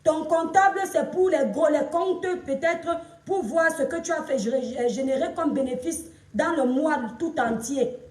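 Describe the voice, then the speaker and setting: A Cameroonian woman with a Cameroonian French accent, hoarse from shouting, chatting on a live stream, greeting viewers and lecturing them. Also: high voice, measured pace, echoey room, recorded from a distance. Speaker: livestream influencer and seller. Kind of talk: casual Facebook live chat.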